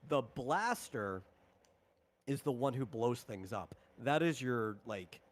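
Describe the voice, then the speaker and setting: A man hosting a tabletop game lays out its rules casually, stopping and starting as he rephrases along the way. His mid-range voice is animated.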